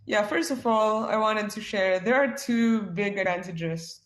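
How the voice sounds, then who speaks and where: Speaking as a guest on a casual webinar, a product manager from the Philippines talks in a medium-pitched, unhurried voice. She's chatty and leans heavily on fillers like "like" and "yeah." The room sounds echoey.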